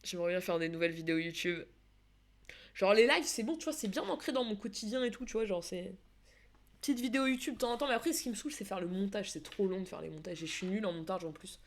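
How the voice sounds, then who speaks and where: A woman's voice: mid-range voice, fast talker. A woman streamer, chatting casually with her viewers and casting a football video game match, with many fillers and restarts. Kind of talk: casual live-stream esports commentary.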